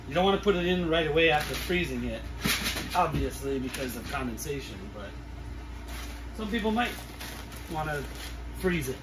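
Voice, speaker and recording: A middle-aged man with a sick, congested throat, giving a casual hands-on demonstration in a halting mutter as he works. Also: on the high side, expressive. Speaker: food-storage vlogger. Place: small living room, indoors. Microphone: camera a few feet away. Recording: distant camera mic, clearly noisy room.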